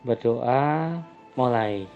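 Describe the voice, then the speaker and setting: A man teaching a class, calmly explaining English greetings and introductions and slowing down for the example phrases. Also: mid-range voice. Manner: calm and explanatory, switching into slow, lifted voice for English example phrases. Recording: lo-fi recording with faint music.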